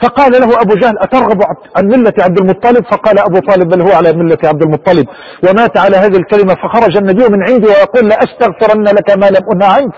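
A man's voice: high voice, rapid-fire, slightly rough, highs cut off. A man preaching a sermon with impassioned delivery and rhetorical questions.

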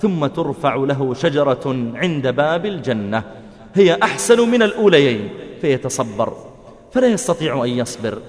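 A man's voice: mid-range voice, big pitch swings, normal speed, big-room sound. A man preaching in a dramatic storytelling manner, acting out the quoted voices. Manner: dramatic, voices the quoted speakers, chants verse. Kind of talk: sermon storytelling.

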